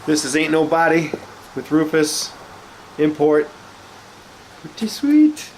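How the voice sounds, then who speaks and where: The recording is low quality, with a little hiss or hum, as a man with a fairly high, slow voice shows off his records. Congested and sniffling, he sounds slightly nasal and chats in a relaxed way with plenty of fillers.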